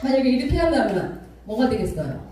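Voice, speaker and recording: A woman pastor preaching a sermon, calling for amens and acting out arguing couples in sudden high voices. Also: very animated, fast talker, warm tone, a little hiss or hum. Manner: call-and-response preaching, acting out quarrels. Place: church sanctuary. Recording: echoey church hall, mic at a distance.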